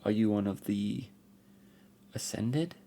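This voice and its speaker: A man's voice: fairly low pitch, takes it slowly, gravelly, dark tone, a little hiss or hum, voice pushed up. A man doing a blunt, curious little girl. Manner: blunt, demanding questions. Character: bold curious village girl, nearly nine.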